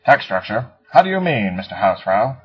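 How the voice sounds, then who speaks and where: A man voicing a sardonic duck who hosts a parody news show and conducts the interview deadpan. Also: fairly low pitch, moderate pace, husky. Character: male duck news anchor, dry and sardonic. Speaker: host. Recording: dull lo-fi recording.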